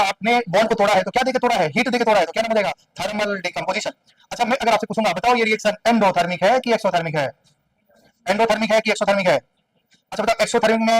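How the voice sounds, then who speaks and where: A man's voice: high voice, fairly bright tone, no room sound, far from the mic, low-quality recording. A man teaching a chemistry class, firing questions at his students and repeating answers call-and-response style. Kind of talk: classroom lecture. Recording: dry room sound, voice away from the mic.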